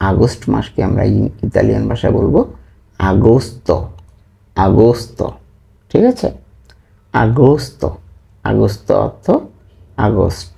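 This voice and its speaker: Gravelly low-voiced man teaching vocabulary. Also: dark tone. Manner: repeats each word slowly, asks rhetorical "ঠিক আছে?" checks. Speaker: language tutor. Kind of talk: beginner language lesson.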